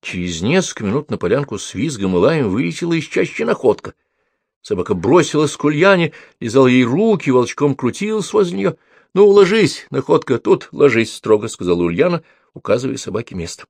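A man narrating a story in a measured, expressive reading voice. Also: medium pitch, vocal fry, slightly rough, no echo.

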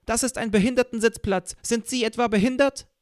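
Shrill, scolding middle-aged harridan, voiced by a man for a storybook reading; always angry. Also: steady tone, brisk. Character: middle-aged woman, burly, furious, scolding.

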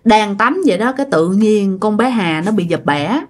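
A woman's voice: mid-range voice, expressive, normal speed. Chatty woman storyteller. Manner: chatty, addresses listeners directly, many fillers. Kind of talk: conversational ghost story narration.

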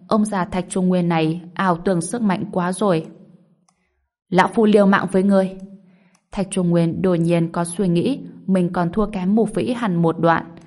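A woman reading a martial arts novel aloud as a narrator, in steady scripted narration. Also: fairly low pitch. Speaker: audiobook narrator.

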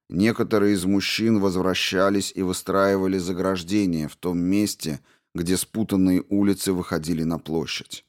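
Deep-voiced man narrating an audiobook. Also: a little mellow. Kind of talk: dramatic fiction narration.

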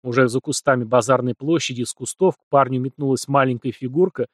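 A man narrating an audiobook with a lively, expressive reading. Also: mid-range voice, fast, no echo, studio quality.

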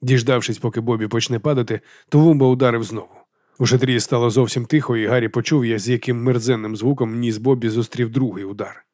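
A man narrating a novel as an audiobook in a steady, even manner. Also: medium pitch, fast, no room sound, clean studio sound.

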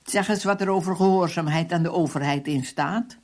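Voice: medium pitch, a little fast, close to an everyday voice. A reader voicing a brutal male police captain who interrogates and threatens his prisoners. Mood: bullying. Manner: threatening, shouting.

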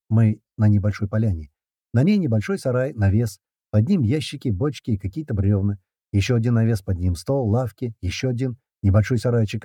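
A man reading an action story aloud in the first person, with brisk, slangy narration and shouted lines for the characters. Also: fairly low pitch, slightly rough, no room sound, clean studio sound. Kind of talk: audiobook narration with character voices.

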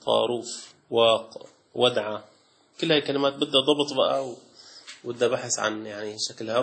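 A sheikh teaches Islamic law in a classroom lecture. His mid-pitched voice has a gravelly edge. He reads lists aloud from a text and slips into quick colloquial asides. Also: a bit bright.

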